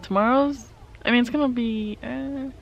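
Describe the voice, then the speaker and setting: A woman's voice: fairly high pitch, steady tone, normal speed, vocal fry, highs cut off. Giggly young woman vlogging outdoors. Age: young adult. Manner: giggly and playful, often drops to a soft near-whisper. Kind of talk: casual vlog narration. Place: outdoors on sand dunes at dusk. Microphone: handheld camera close to face. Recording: outdoor camera audio with background noise.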